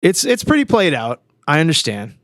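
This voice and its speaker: A young man co-hosting a casual podcast, joking in quick banter. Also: a little high, wildly swooping pitch, vocal fry, a bit bright, no room sound, studio quality. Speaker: podcast co-host. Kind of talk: casual chat.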